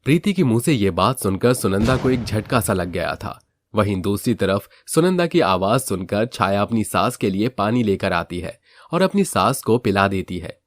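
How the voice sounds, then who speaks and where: A man narrating a cartoon family story in an even storytelling tone. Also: fairly low pitch, moderate pace.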